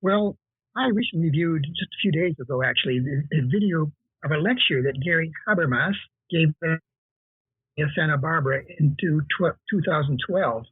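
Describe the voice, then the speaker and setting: A man's voice: a little high, expressive, moderate pace, slightly rough, dry recording. A man on a podcast panel, reading prepared remarks over a remote call that keeps breaking up and dropping out. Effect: choppy, breaking-up call audio with dropouts. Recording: tinny phone-like remote call line.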